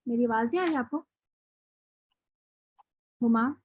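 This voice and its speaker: A woman's voice: fairly high pitch, husky, no room sound. A woman teaching Quran recitation in an online class, praising students and then giving a motivational talk. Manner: encouraging, praising then lecturing with questions. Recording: dry, dull lo-fi online call audio.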